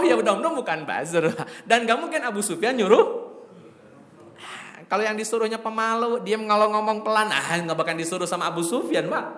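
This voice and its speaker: High-voiced preacher in echoey mosque. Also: male voice. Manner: lively, joking, addresses listeners as Pak. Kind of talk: sermon storytelling. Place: mosque hall.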